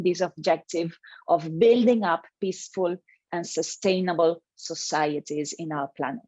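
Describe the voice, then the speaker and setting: A woman's voice: lowish voice, darkish tone, no room sound, muffled recording. A woman presenting an educational webinar to teachers over a video call, earnest and emphatic, reading participants' names from the chat.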